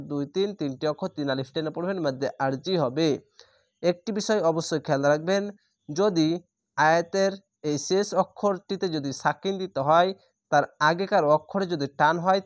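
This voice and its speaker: A man's voice: fairly high pitch, no echo, studio quality. A man teaching Quran reading, spelling out each letter and vowel, then chanting the word drawn out. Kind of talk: slow spelled-out tajweed lesson.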